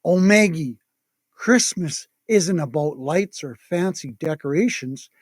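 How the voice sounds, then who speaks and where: Storyteller playing kindly old man, hearty, avuncular, storybook Santa, unhurried, dry close sound. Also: mid-range voice, animated, dry recording, pitched below the performer's own voice. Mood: encouraging.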